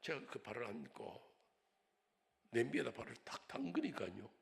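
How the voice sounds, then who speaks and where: An older man preaching a revival sermon as a pastor, telling stories dramatically and swinging from hushed whispers to loud cries. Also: medium pitch, wildly swooping pitch, moderate pace, gravelly. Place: church sanctuary. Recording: long hall reverb in a church.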